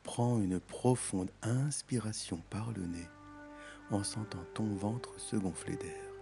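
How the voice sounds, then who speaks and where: A man guiding a meditation in a soft, soothing, intimate voice, as if speaking right into your ear. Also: on the low side, takes it slowly, creaky. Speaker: meditation guide. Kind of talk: guided meditation. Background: music.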